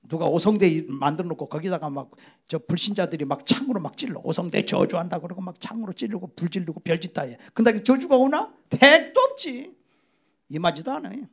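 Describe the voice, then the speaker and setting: A middle-aged Korean male pastor preaching a sermon, emphatic, swinging from loud exclamations to hushed whispers. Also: high-pitched, lively intonation, fast, slightly rough.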